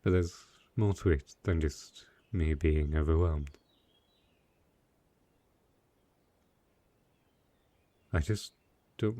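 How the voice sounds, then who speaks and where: A man performs an intimate fantasy audio roleplay as a gentle, possessive, lonely dark knight, his speech soft and halting and his mood anxious and vulnerable. The voice sits low, and there is no room sound.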